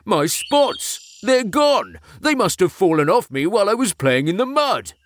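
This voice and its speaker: A man voicing an excitable young male dog with spots in a storybook, speaking in a bouncy, eager way. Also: mid-range voice, measured pace. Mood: alarmed.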